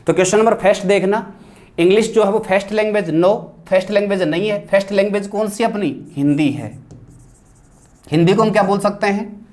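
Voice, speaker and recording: A man's voice: sits high, darkish tone. A man teaching an exam-prep grammar class, posing questions and answering them himself and mixing English terms into his explanations.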